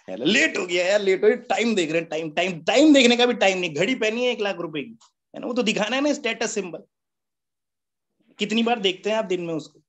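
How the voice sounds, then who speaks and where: A man's voice: sits high, expressive, fairly quick, a bit bright. A man giving a motivational seminar talk at a business meeting, chatty and joking, who keeps asking rhetorical questions. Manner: rhetorical questions with a constant "है ना?" tag; chatty, joking, laughs at his own points.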